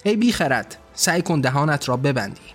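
A man's voice: on the high side, sing-song, breathy edge, soft background music. A man voicing a stern male angel who snaps curt, scolding orders in a storybook reading.

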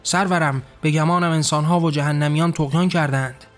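A man's voice: a little high, fairly even intonation, soft background music, natural voice. A man voicing a frantic male archangel who brings urgent news to his master. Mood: anxious. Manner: hurried, anxious reporting.

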